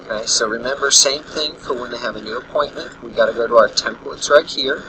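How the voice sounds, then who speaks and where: A male software trainer narrates a casual, step-by-step screen tutorial, thinking aloud as he demonstrates. His mid-range voice is brisk, and the bright, low-quality recording carries a crowd in the background plus faint noise.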